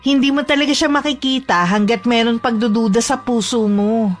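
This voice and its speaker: A woman voicing a troubled young older sister who speaks calmly and cryptically. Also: a little high, brisk, soft background music, lightly acted. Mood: eerie calm. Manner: calm, cryptic and distant.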